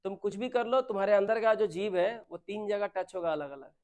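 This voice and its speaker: A man's voice: high-pitched, fairly quick, a little mellow. A man teaching a grammar class, asking his students questions and answering them himself, mixing in English words. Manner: mixes Hindi with English terms.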